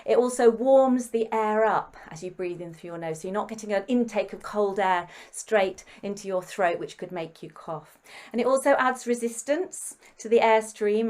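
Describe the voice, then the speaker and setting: Encouraging woman leading vocal warm-ups. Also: mid-range voice. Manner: gentle, encouraging, coaching step by step. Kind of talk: guided breathing and vocal warm-up instruction.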